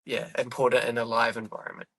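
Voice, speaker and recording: A man's voice: mid-range voice, flat delivery, fast talker, gravelly, a bit bright. A middle-aged man, a comedian chatting in a podcast interview, rambling and correcting himself as he goes. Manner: rambling, self-correcting, laughs often. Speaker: guest comedian.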